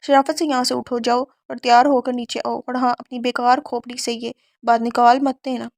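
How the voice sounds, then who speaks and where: A woman's voice: fairly high pitch, flat delivery, darkish tone, dry recording, studio quality, lightly acted. A woman reading a stern, scolding young husband. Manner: harsh and scolding.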